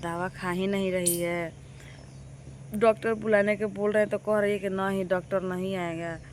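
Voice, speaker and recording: A woman's voice: medium pitch, fairly even intonation, normal speed, a little hiss or hum. A young woman from Bihar, telling a story to her viewers in a casual vlog and complaining in exasperation. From Bihar, India. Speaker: vlogger. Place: doorway of a village house, outdoors.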